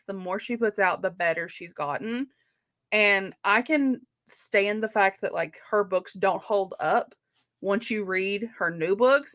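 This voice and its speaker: A woman co-hosts a casual live book readalong, effusive and candid, rambling on with plenty of filler "likes." Her voice sits in the mid range and is a bit bright.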